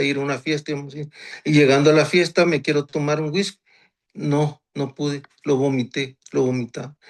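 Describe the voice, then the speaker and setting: A man in his sixties from Honduras, telling his faith testimony in an earnest way and often repeating phrases. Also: on the high side. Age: 60s. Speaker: guest giving a church testimony.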